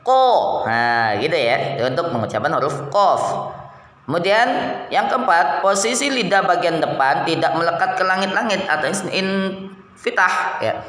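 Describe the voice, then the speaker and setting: Male tajwid teacher, unhurried, lively pitch, repeats drill sounds; roomy reverb. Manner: drills each letter sound in repeated bursts; slow, explanatory, frequent "gitu ya". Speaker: Quran recitation teacher. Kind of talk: slow tajwid lesson. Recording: echoey hall reverb.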